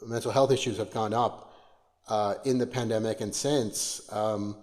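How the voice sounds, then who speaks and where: A man's voice: on the low side, fairly even intonation, a little mellow, big-room sound. A man co-hosting a podcast in casual conversation, often stopping and restarting as he searches for words. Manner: halting, gropes for words with many restarts. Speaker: podcast co-host.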